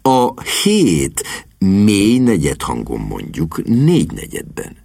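A man's voice: low voice, wildly swooping pitch, creaky, mellow, breathy edge, no room sound, heavily acted. A man voicing a cheerful, confident young man who explains things in a breezy way, in an audiobook reading. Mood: instructive. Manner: breezy, instructive.

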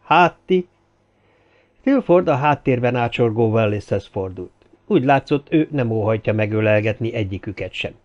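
A male audiobook narrator telling a story in steady scripted narration. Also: lowish voice, highs cut off. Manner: steady storytelling, many character voices.

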